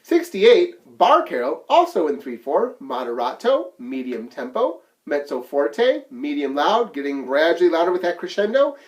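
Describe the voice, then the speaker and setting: A man's voice: a little high, big pitch swings, normal speed, hardly any pauses. A man teaching a flute lesson, counting beats aloud and explaining each musical term plainly. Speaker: band teacher.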